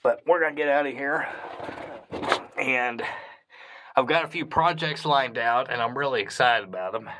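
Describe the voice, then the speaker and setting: A man talking casually as he explores inside a cave, hosting his own video, with a husky, breathy voice that often drops into hushed asides. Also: mid-range voice, normal speed, long pauses, background noise. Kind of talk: casual vlog narration while exploring. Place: inside a tight limestone cave.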